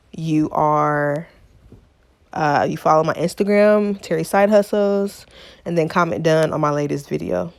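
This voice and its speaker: A woman with a lowish, gravelly voice narrates a relaxed screen-recorded tutorial, talking through each step and repeating little phrases as she goes. She sounds a bit out of breath throughout. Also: no room sound. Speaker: dropshipping coach and channel host.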